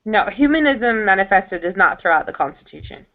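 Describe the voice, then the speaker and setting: A woman's voice: medium pitch, animated, a little fast. A woman arguing the humanist side of a debate over a video call, her audio clipped and breaking up. She explains her points one by one in an earnest way. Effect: clipped, breaking-up phone-line audio. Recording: tinny call line with faint music.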